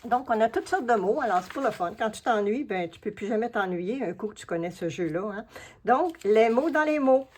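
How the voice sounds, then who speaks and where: A woman's voice: on the high side, animated, normal speed, darkish tone, a little hiss or hum. A woman with a Québécois French accent, chatting casually with the viewer as she shows a craft step by step. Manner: chatty and familiar, explains each step while working. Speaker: collage artist and craft video host.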